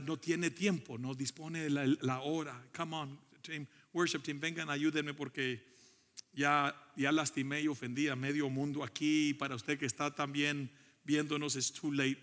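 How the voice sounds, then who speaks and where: A man's voice: on the high side, fairly bright tone. A middle-aged man preaching a sermon as pastor, with call-and-response asides and switches into English. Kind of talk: bilingual church sermon. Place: church sanctuary. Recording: long church hall reverb.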